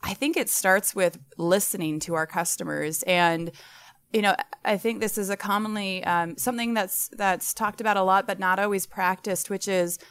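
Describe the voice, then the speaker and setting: Smooth-voiced woman guest, eager and talkative. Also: mid-range voice, steady tone, normal speed, fairly bright tone. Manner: enthusiastic, talks in run-on explanations with fillers. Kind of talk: podcast interview answers.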